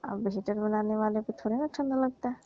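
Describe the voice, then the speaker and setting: A woman with a medium-pitched, steady, brisk and natural voice plays a coaxing, teasing middle-aged auntie in a staged comic phone call, persuading and placating while sounding defensive and teasing. The audio is a dull, dry, lo-fi phone recording.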